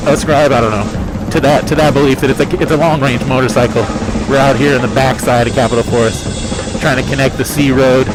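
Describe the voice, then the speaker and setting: A man rambling casually in an easygoing live vlog, recorded on a pocketed phone as he rides outdoors in a helmet. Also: medium pitch. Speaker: motorcycle vlogger. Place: outdoors, riding a motorcycle on forest roads. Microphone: phone in pocket while riding in a helmet.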